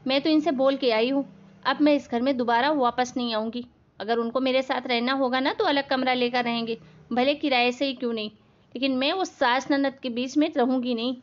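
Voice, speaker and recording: A woman voicing a spoiled, bossy young married daughter in an animated family story, snapping and shouting orders. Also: high-pitched, a little fast, muffled recording, lightly acted. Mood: angry. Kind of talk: animated cartoon voice acting.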